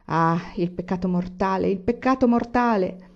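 A woman's voice: medium pitch, moderate pace, vocal fry, muffled recording, close to an everyday voice. A woman reader voicing a pious, fussing old village aunt who urges a boy on. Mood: urgent coaxing. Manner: urgent, coaxing.

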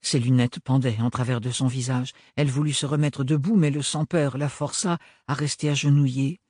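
A man narrating a novel as an audiobook in a steady, measured way. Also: medium pitch, no room sound, clean studio sound.

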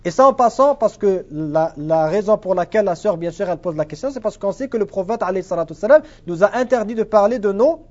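A man's voice: high-pitched, lively intonation, quick pace, few pauses, darkish tone. A man teaching a religious class and answering questions, earnest and repetitive, sprinkling Arabic phrases into his French. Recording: dull lo-fi sound.

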